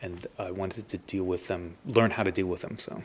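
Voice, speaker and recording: A man, a military veteran, speaking reflectively and a bit haltingly. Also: low-pitched, steady tone, a little hiss or hum. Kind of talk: recorded student testimonial.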